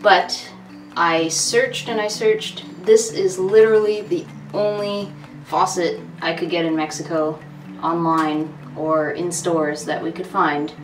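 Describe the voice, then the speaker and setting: A woman's voice: lowish voice, fairly even intonation, slow, reverberant, faint music behind, low-quality recording. A woman thinking aloud and explaining as she fits a faucet in a cramped boat galley. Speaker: boat owner fixing galley. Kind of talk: casual explaining while working.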